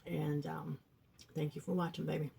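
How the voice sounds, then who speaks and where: Speaking at a normal pace in a low, gravelly, dark-toned voice with a level delivery, a woman gives a chatty, homey cooking demonstration in her own kitchen. The recording is noisy, full of clattering dishes and pans.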